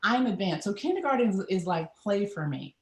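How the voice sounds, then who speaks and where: A woman's voice: mid-range voice, brisk. A middle-aged woman from Trinidad with a Trinidadian accent, animatedly telling a personal story as an interview guest. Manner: animated, acts out voices in her story. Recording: roomy echo.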